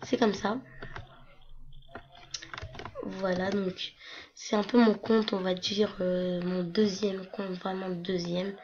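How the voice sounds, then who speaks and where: Young woman, hoarse voice, casual rambling vlogger, muffled home computer mic with faint noise. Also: mid-range voice, level tone, takes it slowly, long pauses, a little mellow. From France. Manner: chatty, rambling with many fillers. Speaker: gaming vlogger. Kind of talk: casual screen-recording walkthrough.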